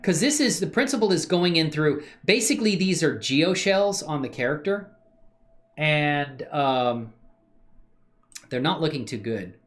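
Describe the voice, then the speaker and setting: Working on 3D models live, a man with a higher voice speaks a little slowly, thinking out loud casually and fielding questions from chat. His talk is laid-back and slangy, packed with fillers.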